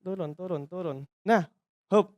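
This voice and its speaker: This animated business trainer has a mid-pitched voice, captured with a dry, close, echo-free but muffled sound. In his casual seminar talk he plays out customer exchanges in quick voices, addresses listeners directly, and answers his own questions.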